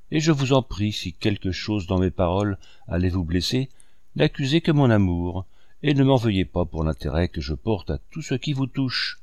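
A man playing a shy young sculptor in love from an old novel, earnest and hesitant, low-pitched with a lively melody, recorded dry and close. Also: no echo.

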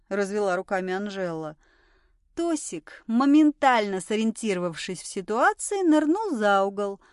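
A woman narrating an audiobook in an expressive, lively reading voice. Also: mid-range voice, no echo, clean studio sound.

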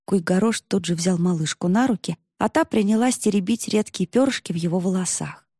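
A woman narrating an audiobook in an even, measured way. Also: mid-range voice, dry recording, clean studio sound. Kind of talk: scripted narration.

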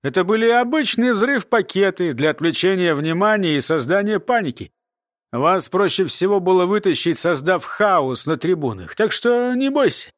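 A man voicing a calm, cunning colonel who talks slowly and matter-of-factly. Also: high voice, dry recording, clean studio sound. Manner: unhurried, matter-of-fact.

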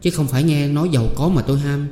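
A dignified poor young woman, put on by a male reader, her voice lifted higher and mellow. She speaks firmly and indignantly, heard in an echoey room with a long reverb tail. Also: quick pace, a little hiss or hum, close to an everyday voice. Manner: indignant, firm.

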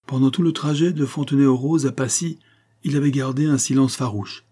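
A man narrating a classic adventure novel as an audiobook, measured and dramatic. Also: medium pitch, fairly even intonation, mellow, breathy edge.

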